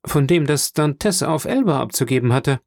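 A man's voice: mid-range voice, animated, normal speed, vocal fry, a little mellow, no room sound, clean studio sound, pitched above the performer's own voice. A man doing a sly envious clerk. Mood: insinuating. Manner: sly, insinuating. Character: scheming envious male ship's clerk.

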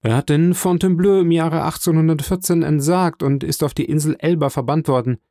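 A man's voice: fairly high pitch, steady tone, brisk, dark tone, no echo, studio quality, voice pushed up, close to an everyday voice. A man voicing a desperate young male prisoner who speaks in a pleading, fervent way. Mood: eager.

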